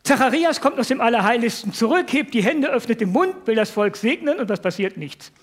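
High-voiced man preaching casually. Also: expressive, brisk. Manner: casual, colloquial, full of rhetorical questions to the listeners. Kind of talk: conversational sermon.

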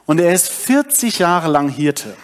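Young man preaching, animated. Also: a little high, unhurried. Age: young adult. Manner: animated storytelling, addresses congregation directly. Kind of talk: sermon.

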